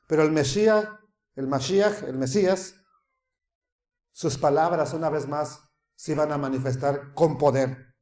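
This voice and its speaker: A man preaching a sermon. He acts out scoffing onlookers with a laugh, then drops to soft, hushed tones. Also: on the high side, a little slow, echoey room.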